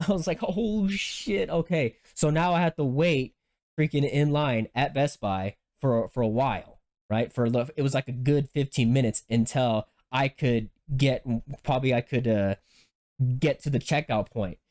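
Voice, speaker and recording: A man telling a story in casual podcast chat, animated and full of swearing, with many restarts and sudden high jumps when he quotes himself. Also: normal speed. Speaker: podcast host.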